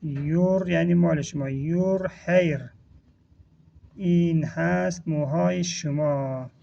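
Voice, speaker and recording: A man with an Afghan Dari accent teaching English words, saying each model phrase slowly and repeating it before explaining it. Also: on the high side, steady tone, vocal fry, warm tone. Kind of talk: language lesson explaining vocabulary. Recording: dull lo-fi recording.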